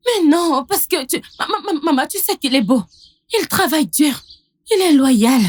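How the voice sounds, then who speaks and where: A woman's voice: sits high, animated, normal speed. An actress playing a defiant young daughter in a dubbed film, talking back to her mother. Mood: pleading. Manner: defiant, mocking.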